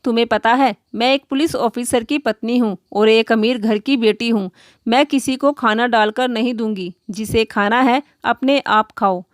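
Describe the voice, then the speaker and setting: A woman's voice: fairly high pitch, steady tone, normal speed, dry recording, studio quality, lightly acted. A woman voicing an arrogant young daughter-in-law from a wealthy family, who speaks in a scornful, haughty way.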